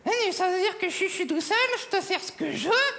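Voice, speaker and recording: A ventriloquist voicing a cheeky, foul-mouthed male monkey puppet in a high squeaky voice, live on stage. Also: expressive, fast, gravelly, pushed and bright, full character voice. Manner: cheeky, crude, interrupting. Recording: live show with crowd noise.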